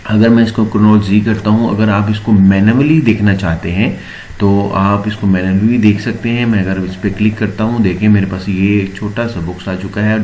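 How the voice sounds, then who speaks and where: A man explaining a word processor step by step in a screen-recorded tutorial, pausing often with filler sounds. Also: lowish voice, a little hiss or hum. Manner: steady explaining with frequent filler pauses. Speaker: computer teacher.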